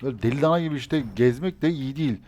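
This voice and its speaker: A man's voice: mid-range voice, racing, darkish tone. Man muttering game commentary. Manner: muttering to himself, bursting into frustrated swearing outbursts. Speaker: gameplay streamer. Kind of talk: casual gameplay commentary. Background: gunfire from the game.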